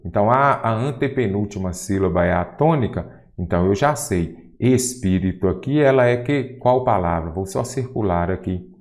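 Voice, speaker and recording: A middle-aged Brazilian man with a fairly low voice teaches grammar by going through exam questions. He keeps asking rhetorical questions and then draws out each answer slowly. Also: expressive, darkish tone. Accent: Brazilian Portuguese. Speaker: Portuguese teacher.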